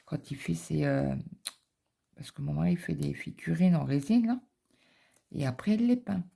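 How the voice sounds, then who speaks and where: Gravelly low-voiced woman rambling. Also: animated, normal speed, mellow. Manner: rambling anecdotal storytelling with many fillers. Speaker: cross-stitch vlogger. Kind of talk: casual chat while stitching. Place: home office.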